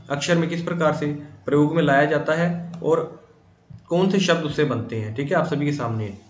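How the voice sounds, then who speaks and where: A man teaching a Hindi grammar class online. He explains patiently, often checks in with "ठीक है", and draws out vowel sounds to show how they differ. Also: on the high side. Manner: patient, repeats points with "ठीक है", stretches vowels to demonstrate. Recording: echoey room with faint ambient noise.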